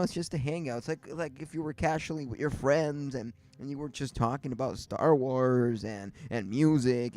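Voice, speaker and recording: A man's voice: medium pitch, a little mellow. Rambling man hosting a casual livestream. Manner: rambling, many fillers and restarts. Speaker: livestream host. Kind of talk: casual chat. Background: faint music.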